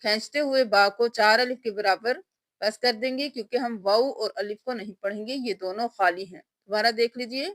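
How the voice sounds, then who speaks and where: This is a woman leading a Quran reading lesson in tajweed: she spells each letter, then draws the word out in slow recitation. She sits a little high in pitch, sounds a bit bright, and there's no room sound.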